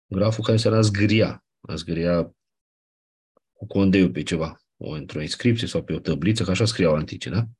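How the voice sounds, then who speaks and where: A man with a fairly low, husky voice lectures on grammar. He explains patiently, point by point, and keeps checking that his students follow. He clears his throat now and then. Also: a little mellow. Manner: explanatory, asks 'nu?' and 'da?' to check understanding. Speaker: Ancient Greek teacher.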